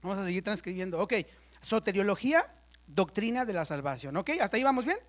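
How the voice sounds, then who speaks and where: A woman teaching a church Bible study class, chatty and playful, constantly checking in with her students and spelling out terms slowly for the ones taking notes. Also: medium pitch, expressive. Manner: conversational, checks in with the class often.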